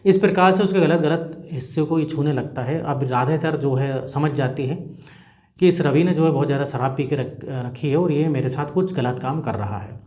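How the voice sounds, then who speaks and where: A man's voice: fairly high pitch, normal speed, warm tone, roomy sound. A man casually narrating a crime story, rambling with lots of fillers and speaking to listeners as friends.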